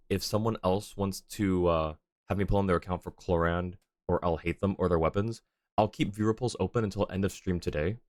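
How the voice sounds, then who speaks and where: A man with a lowish voice hosts a game livestream, chatting casually and in a friendly, apologetic way with his viewers. He reads chat messages and game dialogue aloud, and there's no echo on the recording.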